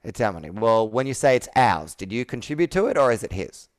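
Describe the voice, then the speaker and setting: A man in his thirties coaches sales through roleplay, speaking persuasively and directly in a medium-pitched, sing-song voice at a fairly quick pace. He's on a video call from an indoor room that has a whiteboard.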